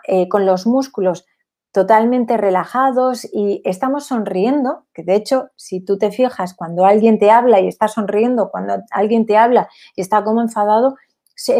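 A woman's voice: mid-range voice, darkish tone. Spanish-speaking woman teaching voice technique. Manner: didactic, explains with examples and rhetorical questions. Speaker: voice coach. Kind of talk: online lesson on voice and persuasion.

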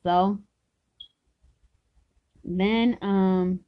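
A woman's voice: medium pitch, fairly even intonation, extremely slow. A woman telling a personal story from her own life in an earnest, emphatic way, often repeating herself for stress. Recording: dull lo-fi recording.

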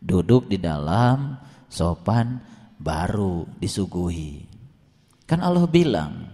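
A man preaching a sermon, swinging up to high emphatic peaks and chanting scripture verses slowly. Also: big pitch swings, mellow. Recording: long hall reverb.

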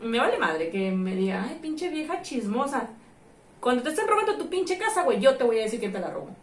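A woman's voice: on the high side, quick pace. A Mexican woman co-hosting a casual podcast chat, telling stories full of swearing and acting out the people in them. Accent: Mexican Spanish. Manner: profane, animated storyteller who acts out the people in her stories. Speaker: co-host. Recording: roomy echo, distant mic.

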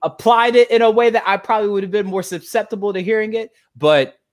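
An American man with a high-sitting voice talks fast as host of a livestream dialogue show. His casual chat is slangy and joking, and he gets animated when quoting others.

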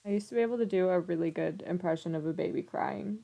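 A woman's voice: on the low side, fast talker, gravelly, warm tone. A woman co-hosting a casual film podcast, talking candidly with some swearing and frequent laughs. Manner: candid, profane, laughs often. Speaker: podcast co-host.

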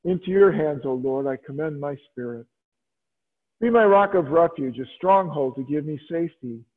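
A man leading Mass as a priest, reciting prayers and scripture in a measured, solemn way. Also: a little high, expressive. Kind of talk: liturgical prayers and scripture reading. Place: church. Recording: tinny radio broadcast in a long-reverb church.

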